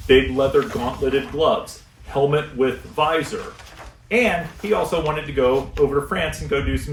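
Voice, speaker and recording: Chatty man teaching packing in a store. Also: mid-range voice. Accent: American. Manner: relaxed, chatty storyteller. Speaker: luggage store packing instructor. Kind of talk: live in-store seminar talk. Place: store showroom with audience. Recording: echoey room, mic at a distance, faint noise.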